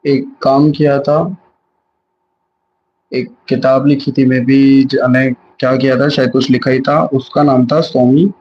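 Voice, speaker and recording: A man's voice: medium pitch, lo-fi sound, a little hiss or hum. A young man giving a live revision lesson, chatty and self-correcting, mixing English words into his Hindi. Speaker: exam prep teacher.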